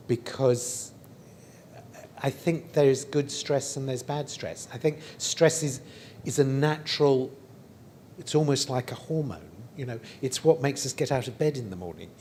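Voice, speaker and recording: A man's voice: mid-range voice, darkish tone, a little hiss or hum. A man speaking as an educationalist on a conference panel, reflective and thinking aloud with restarts. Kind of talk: panel discussion answer.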